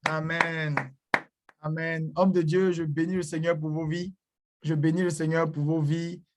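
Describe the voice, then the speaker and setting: Male preacher for an online conference; level, monotone delivery, a touch high, hesitant and repetitive. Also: a little slow, heavy background noise. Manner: frequent hesitations and fillers; repeats blessings and greetings. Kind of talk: online church conference talk.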